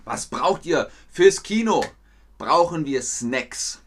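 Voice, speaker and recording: Slow, deliberate male teacher. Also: fairly high pitch, lively intonation. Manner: slow and deliberate, repeats simple phrases; acts out short dialogues. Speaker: German teacher streaming online. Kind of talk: slow, clear language lesson.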